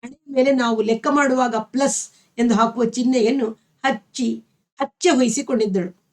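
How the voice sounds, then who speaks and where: A woman storyteller reading a novel aloud in a fairly high voice. Her narration is steady and expressive. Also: moderate pace.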